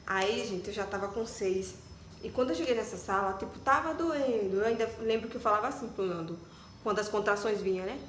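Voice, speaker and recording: Speaking briskly in a medium pitch, this young Brazilian woman vlogs a personal anecdote, chatty and lively, with lots of "tipo" and "né" and small digressions. Slight background noise and an echoey room with faint ambience color the recording.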